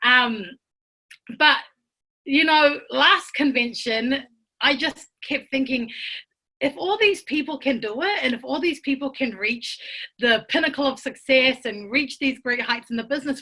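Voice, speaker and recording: A woman with a bright, fairly high voice gives a heartfelt motivational talk from home over a video call. She is earnest and easily moved, often restarting her sentences and leaning on fillers. Her tone stays open and sincere throughout. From Tonga. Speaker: business speaker. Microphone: computer mic on a video call.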